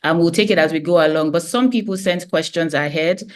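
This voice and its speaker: A woman moderating an online panel in a conversational, encouraging way. Her pitch runs slightly low. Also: fairly quick, a little mellow. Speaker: host.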